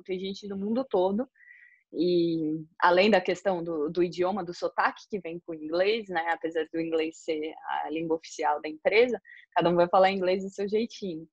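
A woman, an airline pilot telling lively anecdotes in a casual interview and laughing often. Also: medium pitch, husky, dry recording. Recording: slightly muffled, dry sound.

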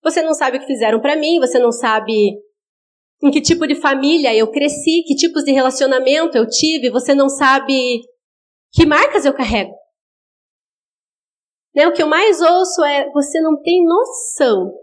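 Woman preacher with a high voice, earnest sermon delivery, direct address, slips into quoted voices of listeners. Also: normal speed. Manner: acts out listeners' words in quoted asides.

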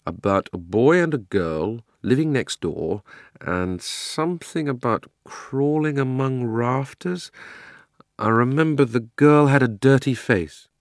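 Male reader voicing a drowsy, easygoing young boy; lively pitch, dry close mic. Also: a little slow, no room sound. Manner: relaxed, sleepy, matter-of-fact. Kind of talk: storybook reading.

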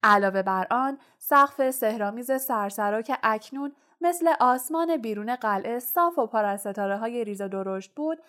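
A woman narrating a children's fantasy audiobook in a steady, even reading voice. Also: fairly high pitch, hardly any pauses. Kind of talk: storybook narration.

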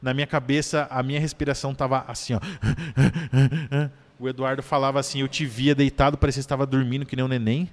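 A man with a Brazilian accent, a podcast guest, telling a personal story in an animated way and tagging his sentences with little checks to the listener. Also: medium pitch, racing, few pauses. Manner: animated storyteller, keeps adding "né?".

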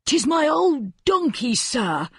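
A woman voicing a poor, worried old man from the village who pleads slowly in old-fashioned speech. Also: sits high, big pitch swings, no echo, studio quality, pitched above the performer's own voice, exaggerated voice.

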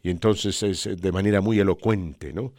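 Deep-voiced sportscaster telling stories. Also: male voice, fairly even intonation, normal speed, a little mellow, no room sound, clean studio sound. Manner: rambling anecdotes with frequent "¿no?" tags. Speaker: radio sportscaster. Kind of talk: storytelling on a podcast.

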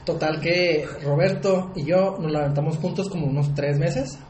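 A young man with a Mexican Spanish accent and a somewhat high voice chats on a podcast, tossing a slang filler into almost every phrase. The room around him is echoey, with faint noise behind. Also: fairly even intonation, moderate pace, a little mellow. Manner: slangy, fills with "güey" constantly. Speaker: podcast co-host. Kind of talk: casual chat.

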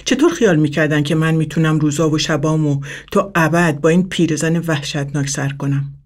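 A man's voice: fairly high pitch, lightly acted. Man voicing a furious bedridden old woman. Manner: snapping, shouting insults.

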